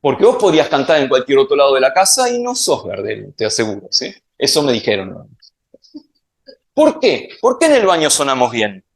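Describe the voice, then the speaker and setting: A man's voice: medium pitch, huge pitch swings, fairly quick, creaky. A man with an Argentine accent giving a playful public science talk, quizzing the audience with questions. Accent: Argentine Spanish. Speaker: science speaker.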